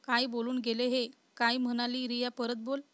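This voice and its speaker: A woman voicing a young man who is short-tempered and protective, reading his lines in a plain, even storytelling voice. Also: on the high side, moderate pace, no echo, lightly acted. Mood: angry.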